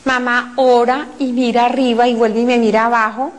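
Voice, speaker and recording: High-pitched Colombian woman preacher, emotional testimony, cries out her pleas. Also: flat delivery, moderate pace. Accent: Colombian Spanish. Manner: addresses listeners as brothers. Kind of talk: impassioned testimony talk.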